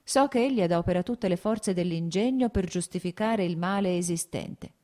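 A woman reading an audiobook, voicing an agitated, sickly radical man who declaims loudly and irritably. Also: on the low side, moderate pace, pitched above the performer's own voice, natural voice. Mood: impassioned. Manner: loud, heated, irritable declaiming.

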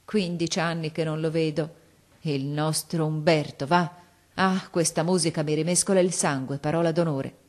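A woman's voice: low voice, fairly even intonation, normal speed, darkish tone, lightly acted. A woman reading the part of a proud, emotional old army veteran who reminisces with heartfelt fervour. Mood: nostalgic, fervent.

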